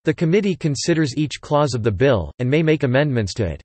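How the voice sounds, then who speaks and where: A synthetic male voice reading an encyclopedia article in a steady, even manner. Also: medium pitch, a little fast, dry recording. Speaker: text-to-speech reader.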